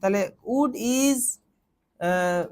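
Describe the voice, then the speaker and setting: A man's voice: high-pitched, extremely slow, clean tone. A man teaching a grammar lesson in a classroom, explaining step by step and quizzing his students as he goes.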